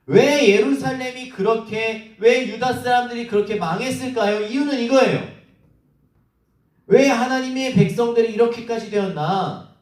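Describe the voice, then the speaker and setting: Man, children's sermon, high animated voice, asks questions, roomy echo, distant mic. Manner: asks the children questions and acts out quoted lines. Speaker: children's ministry preacher. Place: church hall.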